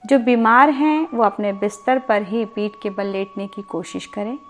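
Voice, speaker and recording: Guiding listeners toward sleep, this woman, a yoga teacher, uses a medium-pitched voice that stays calm, deliberate and soothing. She leaves pauses and repeats certain words, with a little background noise in the recording.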